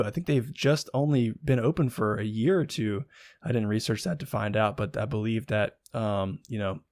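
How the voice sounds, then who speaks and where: A man's voice: medium pitch, no echo, clean studio sound. A young man, co-hosting a casual beer-review podcast and rambling through his notes with plenty of ums. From Virginia, USA. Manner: rambling, chatty, lots of ums and likes. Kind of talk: casual chat.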